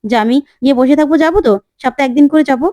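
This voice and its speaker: A woman's voice: high-pitched, very fast, dark tone, dry recording, natural voice. A woman voicing an earnest young man, a caring fiancé who pleads and insists.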